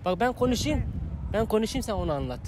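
A man's voice: high-pitched, big pitch swings, fast talker. A man in his early twenties chatting casually as a street interviewer, cheeky, flirtatious and insistent. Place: outdoor park bench by a busy walkway. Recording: busy outdoor street noise, passing crowd.

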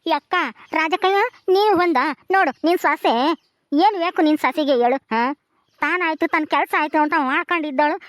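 A rowdy drunk villager picking fights, played by a woman in a high, fast voice. He slurs and heckles, tossing a challenging "ha?" after each jab. The sound is dry and close. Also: no room sound, natural voice. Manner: slurred, heckling, ends lines with a challenging "ha?". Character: drunken quarrelsome village man. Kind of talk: village comedy-drama acting.

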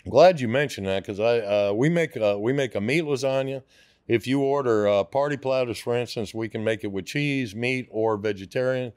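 A man's voice: medium pitch, moderate pace, darkish tone, smooth, no room sound. A man in his sixties, a restaurant owner, talking casually in an interview with many fillers and restarts, into a studio microphone. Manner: rambling, hesitant with many fillers. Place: podcast studio. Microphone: studio mic on boom arm.

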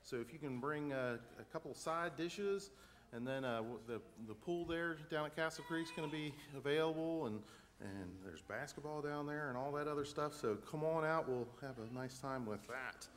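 A man's voice: on the high side, normal speed, fairly bright tone. A man giving church announcements in a chatty, loose way, full of fillers and restarts. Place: church sanctuary. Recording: long church reverb with faint ambience.

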